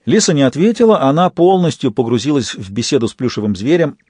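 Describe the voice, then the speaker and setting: A male audiobook narrator with a mellow, dark tone and a measured, even delivery. The recording is dry and close, with no room sound. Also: medium pitch, husky, no echo. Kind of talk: scripted narration.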